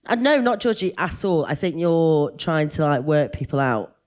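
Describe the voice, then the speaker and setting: A woman comedian, appearing as a podcast guest, chats casually in an animated way, rambling and poking fun at herself. She has a low-pitched voice and speaks at a moderate pace.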